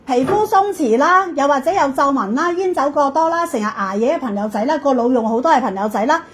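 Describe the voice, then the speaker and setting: A woman with a Hong Kong Cantonese accent hosts a live shopping pitch with a hard-sell approach. She speaks quickly and expressively, insistent and repetitive, frequently checking in with questions.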